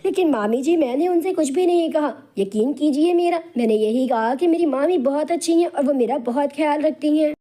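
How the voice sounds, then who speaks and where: A woman's voice: sits high, brisk, hardly any pauses, voice pushed up, lightly acted. A woman voicing a meek orphan girl pleading. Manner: pleading, soft, timid. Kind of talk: animated storybook voice acting.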